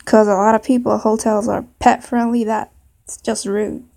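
A woman's voice: a little high, level tone, unhurried, creaky, a little mellow. A woman playing an indignant, pushy customer with a put-on Southern drawl in a comedy scene read-through. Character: indignant, pushy adult pet hotel customer.

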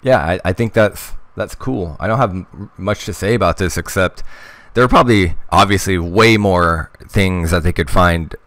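A man's voice: low voice, normal speed, a bit bright, no room sound. A man hosting a history news show, casually talking through articles with many fillers and restarts. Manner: rambling, hesitant, lots of fillers and restarts. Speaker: host of a history news channel. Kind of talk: casual commentary reading articles.

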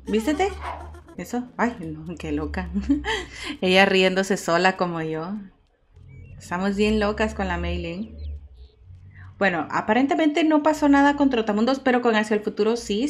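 Gaming host, female, fairly high voice, chatty and exclamatory let's-play commentary. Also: fairly bright tone, a little hiss or hum. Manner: chatty, talks to her game characters, exclaims often. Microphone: microphone set too far off at times.

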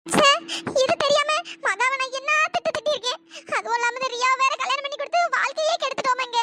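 A voice actor voicing a worried middle-aged cartoon mother who laments her daughter's fate, with a pitch-shifted voice. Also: fast talker. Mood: distressed. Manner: wailing, self-reproaching. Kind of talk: cartoon storytelling dialogue. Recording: loud background noise.

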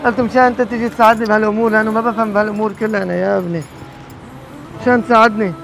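A man's voice: high voice, fairly even intonation, racing, vocal fry, a little hiss or hum, low-quality recording. A man playing an aging father in a street drama, speaking in an emotional, pleading way. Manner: emotional, pleading, rising to shouts. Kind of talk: amateur street drama acting.

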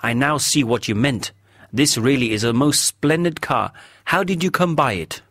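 A man reading aloud and voicing a courteous, eager younger man, a bit higher than his own voice. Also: lively intonation, moderate pace, a bit bright, no room sound, studio quality.

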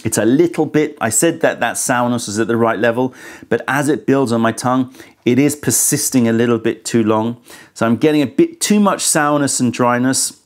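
A thirtysomething man with a mid-range voice, speaking at normal speed, hosts a casual tea review from an indoor studio set with a sofa. Through his lapel mic he sounds thoughtful, candid, and a little critical.

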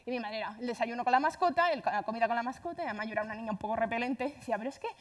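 Fast-talking Andalusian woman giving a talk. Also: on the high side. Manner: fast, chatty, self-deprecating. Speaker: speaker at a tech conference. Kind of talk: conference talk.

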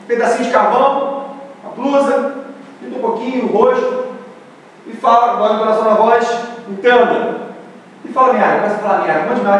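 A man with a Brazilian accent leading an impressions class in a comedy sketch, loud and bossy, calling out to a group. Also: sits high, slight background noise. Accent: Brazilian Portuguese. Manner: loud, bossy, shouting call-and-response. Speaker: impressions teacher. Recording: echoey room from far off.

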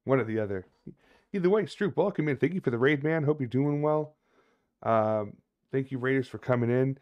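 A man's voice: medium pitch, expressive, brisk, dull audio. A man in his thirties giving casual, sweary commentary on a horror game livestream. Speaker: game streamer. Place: indoor room at a streaming desk.

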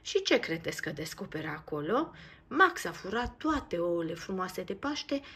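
A woman reading a children's storybook aloud in a lively, expressive way. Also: on the low side, slightly rough. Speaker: narrator. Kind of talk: storybook read-aloud narration.

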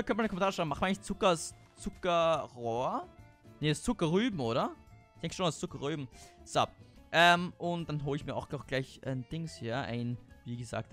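A man's voice: a little high, fairly bright tone. A young man hosting a casual game video, rambling and talking to himself with many fillers. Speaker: gaming video host. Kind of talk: casual let's play commentary.

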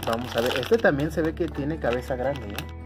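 This man's voice is medium in pitch and normal in speed while he casually opens toys for viewers. Music runs beneath, and he keeps exclaiming happily and reaching for cute little diminutives.

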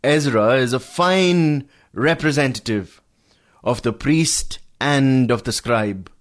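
A man teaching a verse-by-verse Bible study on the radio, calmly explaining and calling his listeners friends. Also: medium pitch. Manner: addresses listeners as friends, measured teaching pace.

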